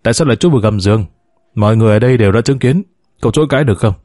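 A man's voice: fairly low pitch, very fast, dark tone, no room sound, clean studio sound, close to an everyday voice. A man voicing a stern older man firmly questioning a young suspect. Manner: firm, interrogating.

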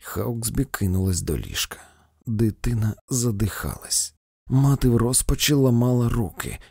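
Man reading an audiobook, dark husky voice. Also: mid-range voice, normal speed, no echo, studio quality. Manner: expressive storytelling. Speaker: narrator.

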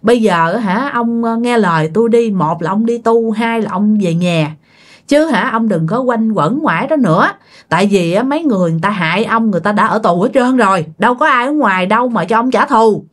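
A woman's voice: a little high, lively intonation, fairly quick. A woman with a Southern Vietnamese accent voicing a grieving widow who pleads with and scolds her dead husband. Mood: pleading.

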